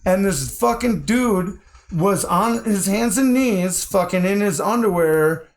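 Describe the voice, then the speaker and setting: A man's voice: high-pitched, lively intonation, slow. A man in casual conversation telling a rambling story, swearing constantly and acting out his own quotes. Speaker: interview guest.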